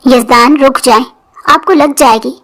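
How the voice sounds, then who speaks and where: A patient young bride, as a woman puts her on, speaking softly and gently in a storybook. Her voice sits high and light. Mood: gentle. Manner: soft and gentle.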